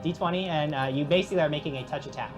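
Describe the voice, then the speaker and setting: A man's voice: a little high, racing, over music. A man running a tabletop game as game master and patiently explaining the rules.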